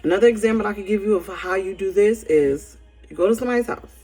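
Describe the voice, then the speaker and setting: A woman's voice: mid-range voice, fast, soft background music, poor audio. A woman giving an informal sermon, telling colloquial stories emphatically and often checking in with tag questions. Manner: animated, colloquial storytelling with frequent "right?" tags.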